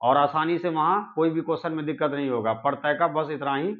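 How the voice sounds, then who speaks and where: A man teaching an exam-prep grammar lesson, repeating each example slowly and addressing his students. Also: a little high, fairly even intonation. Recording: muffled lo-fi recording.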